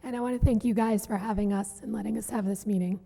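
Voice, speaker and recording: A woman's voice: medium pitch, steady tone, quick pace, vocal fry, mellow. A woman speaking as an applicant business owner at a hearing, polite, thankful and matter-of-fact. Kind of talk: public hearing remarks. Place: village hall meeting room. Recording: reverberant hall.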